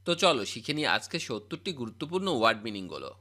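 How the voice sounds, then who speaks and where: A man's voice: mid-range voice, very animated, fast, sharp tone. A man reciting a scripted vocabulary drill as a spoken English teacher, repeating each word and its meaning.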